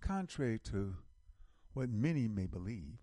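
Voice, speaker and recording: A man's voice: lowish voice, big pitch swings, a little slow, dark tone, no room sound. A middle-aged man from the United States hosting an online show, giving casual commentary while reading an article, emphatic and repeating phrases as he builds lists.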